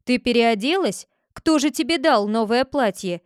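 A woman's voice: a little high, lively intonation, moderate pace, no echo, studio quality, lightly acted. A woman reading a storybook, voicing a stern male judge who questions sharply. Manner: interrogating, insistent.

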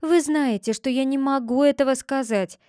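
A woman reading as a gentle shepherd girl. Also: sits high, normal speed, no room sound, studio quality, voice pushed up, natural voice. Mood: calm. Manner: quiet, calm, firm.

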